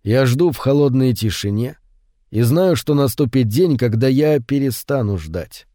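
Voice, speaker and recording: Hushed brooding male story narrator. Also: mid-range voice, animated, dry recording, studio quality. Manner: slow, hushed and brooding, with louder acted quotes. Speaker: audiobook narrator. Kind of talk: scripted narration of a short story.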